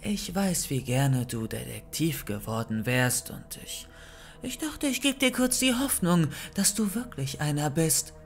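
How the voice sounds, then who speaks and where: A man's voice: a little high, big pitch swings, measured pace, faint music behind. A man voicing a scheming young woman villain in an audiobook, cold and mocking. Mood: cold gloating. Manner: mocking, gloating.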